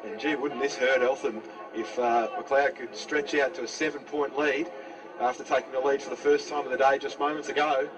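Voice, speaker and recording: A man with an Australian accent doing live football play-by-play, building to excited calls with a raised voice. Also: medium pitch, normal speed. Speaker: local radio football commentator. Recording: slightly distant mic.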